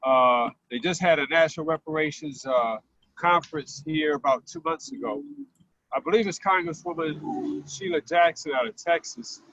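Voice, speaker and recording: A man phones in to a talk show on speakerphone while driving, laying out facts and repeating the key figures in his explanation. His voice is fairly high-pitched with a fairly bright tone. The car line sounds muffled.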